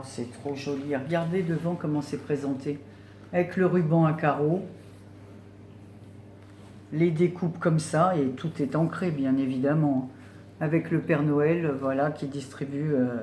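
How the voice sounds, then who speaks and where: Brief: gushing woman vlogger, mellow warm tone, roomy room echo. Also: low-pitched, a little hiss or hum. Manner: effusive, exclaiming with delight, many fillers. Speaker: vlogger unboxing gifts. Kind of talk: casual unboxing chat. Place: home room. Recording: roomy home recording.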